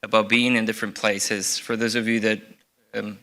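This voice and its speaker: A man's voice: fairly low pitch, little pitch movement, moderate pace, bright, forceful tone. A middle-aged man from Rica, a surgeon giving an earnest conference talk with fillers and restarts. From Costa Rica. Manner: earnest, fillers and restarts, stresses key words. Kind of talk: conference presentation.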